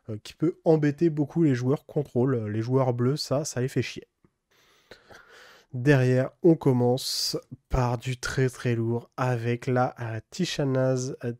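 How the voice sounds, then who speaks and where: A man hosting a casual card-pack opening, speaking slowly with many fillers and reading card names. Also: medium pitch, dry recording, clean studio sound. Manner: relaxed, many fillers, reads card names slowly in a put-on English accent. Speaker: card-opening video host. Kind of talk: casual unboxing commentary.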